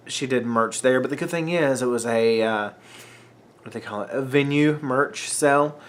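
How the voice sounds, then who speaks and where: A young guy from North Carolina rambles in a casual, unedited vlog from a room at home, facing the camera under a ring light and recorded on the camera mic. He's coming down with a cold, so his medium-pitched, fairly bright voice sounds a bit croaky and he clears his throat; he fills his talk with "like" and "um" and keeps cutting himself off.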